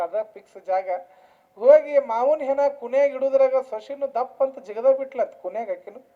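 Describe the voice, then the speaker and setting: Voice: mid-range voice, dark tone, dull audio. A preacher with a North Karnataka Kannada accent, telling folk stories in a devotional sermon and rising to emphatic preaching.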